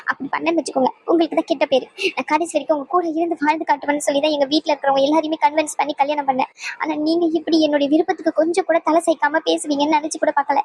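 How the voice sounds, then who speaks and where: A woman's voice: high-pitched, darkish tone, natural voice. A woman voicing a hurt, defiant young pregnant wife in a dubbed cartoon, talking in bitter, sarcastic pleas.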